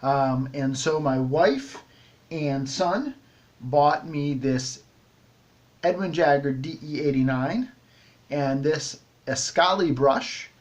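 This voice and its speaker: A man's voice: fairly high pitch, takes it slowly. Rambling man hosting a shaving vlog. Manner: rambling, many ums and restarts. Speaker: shaving video host. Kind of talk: casual vlog talk to camera.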